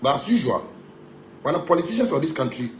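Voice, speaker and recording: Heard in an echoey room with background noise, a man with a Ghanaian accent delivers a furious rant in Pidgin and broken English. He repeats himself, throws insults, and sounds confrontational. His voice sits a little high, moves quickly, and swings widely in pitch.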